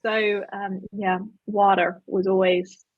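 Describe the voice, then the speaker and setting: A woman's voice: mid-range voice, little pitch movement, slow, phone-quality sound. A woman guest, a professional bowler, chatting casually and laughing easily in a podcast interview.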